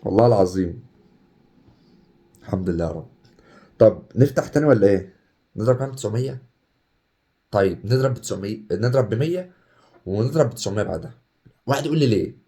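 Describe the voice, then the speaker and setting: Young Egyptian gaming YouTuber, quick and warm-toned, hyped and chatty. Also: male voice, lowish voice. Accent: Egyptian Arabic. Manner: excitable, chatty, swings between hype and groans. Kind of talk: casual gameplay commentary.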